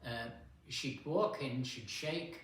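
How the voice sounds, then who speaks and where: An older man tells his stories slowly, in a casual and unhurried way, stopping often for fillers. He sounds far from the mic, in a very echoey hall with a faint hiss behind him. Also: medium pitch, a bit bright. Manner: unhurried, anecdotal, with pauses and fillers. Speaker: guest speaker at a men's fellowship. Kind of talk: casual storytelling talk. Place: church hall.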